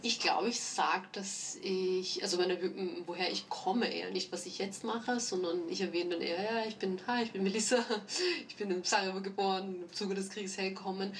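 A woman's voice: mid-range voice, normal speed, few pauses, distant mic, a little hiss or hum. A young woman answering an interview question hesitantly, searching for words. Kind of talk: recorded interview.

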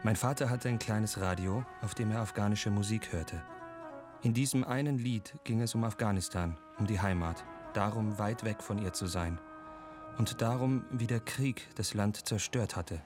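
A man reading a voice-over translation in a calm, even way. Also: fairly low pitch, moderate pace, over music.

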